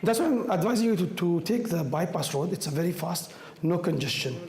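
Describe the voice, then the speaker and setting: A man with a hoarse, worn-out voice from a cold, speaking non-native English haltingly as he takes questions in a public talk. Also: high-pitched, darkish tone. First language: not English. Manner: halting, repeats words and phrases. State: hoarse from a cold, voice nearly gone. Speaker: speaker from an astronomy group taking audience questions. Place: indoor room with audience. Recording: echoey room, some background noise.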